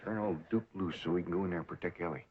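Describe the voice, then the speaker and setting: An actor with a rural Southern accent playing an easygoing country family head, speaking in a dry drawl. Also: male voice, low voice, very fast, a loud crowd, lightly acted. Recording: dull 1960s TV soundtrack with loud hiss.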